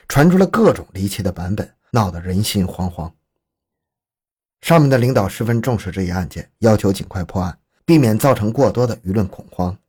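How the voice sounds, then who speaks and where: A man reads a scripted true crime account as its narrator. His voice sits fairly low and has a husky, rough-edged grain. He tells it dramatically, shaping the story for suspense. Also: a little mellow.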